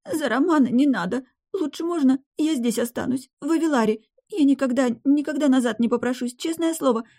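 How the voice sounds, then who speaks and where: A woman voicing a frightened young woman who pleads in a high, trembling voice. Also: a little fast, a little mellow, close to an everyday voice. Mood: tearful pleading.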